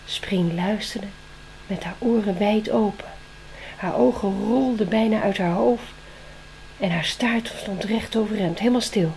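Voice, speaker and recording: A woman reading a children's story aloud, expressive, slowing down for tense moments. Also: medium pitch, slight background noise, rough recording.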